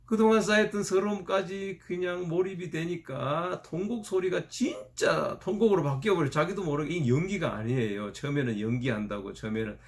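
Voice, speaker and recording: A male pastor preaching a sermon in an animated storytelling manner. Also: on the high side, creaky.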